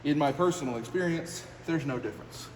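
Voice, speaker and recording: With a fairly high pitch and a brisk delivery, an American trucker-vlogger whose first language is English mutters his way through a relaxed, meandering repair video. His humor is folksy and self-deprecating as he works with his hands. Workshop sounds are plainly audible on an echoey recording from a far-off microphone.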